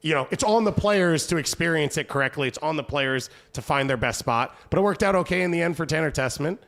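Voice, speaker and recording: A man's voice: on the high side, expressive, creaky, fairly bright tone. Conversational male soccer show host. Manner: quick, conversational, thinking aloud. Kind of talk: casual panel discussion.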